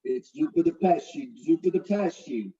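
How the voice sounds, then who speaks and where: A crude, swaggering middle-aged wise guy, as a man acts him out in a comedy courtroom sketch. His voice sits a bit high but sounds soft and dark. It is muffled and lo-fi, picked up from some distance. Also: lively intonation, unhurried. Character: brash middle-aged mobster-type New York fiancé. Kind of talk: comedic courtroom parody acting.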